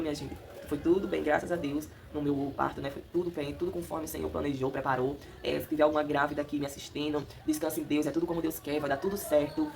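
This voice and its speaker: A woman's voice: deep voice, vocal fry, darkish tone. A young woman chatting casually to her viewers, emotional and laughing as she tells her story at home. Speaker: vlogger. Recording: noisy home recording.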